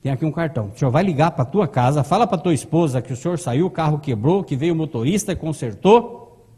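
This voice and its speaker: A man's voice: on the high side, animated, fast talker, mellow, husky. A man voicing a nervous armed male robber who pleads urgently in a retold story. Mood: calm persuasive. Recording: long hall reverb.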